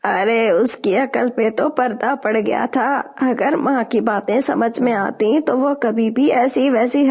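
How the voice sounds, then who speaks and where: Cartoon mother-in-law bird, spiteful, bossy, gravelly high voice, a woman voicing her. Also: a little mellow. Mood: grumbling. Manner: scolding, bossy. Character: old female sparrow, spiteful mother-in-law.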